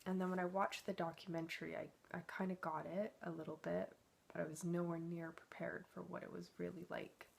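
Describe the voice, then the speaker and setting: Brief: young female vlogger, low-pitched and raspy, earnest and rambling. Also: little pitch movement, a little fast. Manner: earnest, rambling, heavy use of "like". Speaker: spiritual healer vlogger. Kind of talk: casual personal storytelling.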